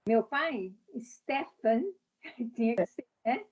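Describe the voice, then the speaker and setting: A woman's voice: a little high, animated, slow pace, dull audio, crowd noise. A woman from Brazil, a guest in a casual interview, speaking directly and explaining her views with examples.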